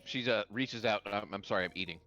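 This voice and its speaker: A man narrating as game master of a tabletop game over voice chat, relaxed and easygoing, with fillers. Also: lowish voice, fast talker, highs cut off, faint music behind.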